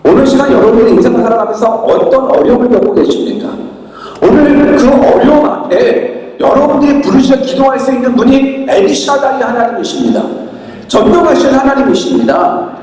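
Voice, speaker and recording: A man's voice: very high voice, a little fast, a little mellow. A man preaching a sermon as pastor, emphatic, repeating rhetorical questions to the congregation. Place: large church hall. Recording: echoey church hall from far off.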